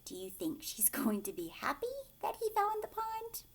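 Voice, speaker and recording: Reading a picture book to little ones, this teacher performs it expressively, elongating words and dropping to quiet asides with questions for her audience. Her voice is high with huge pitch swings, and she keeps a normal speed. A faint hiss or hum sits under the recording.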